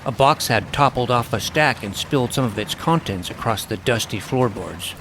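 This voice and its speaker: A man narrates a tale in scripted first-person storytelling, his medium-pitched voice animated and at normal speed. Background noise and sound effects are clearly audible.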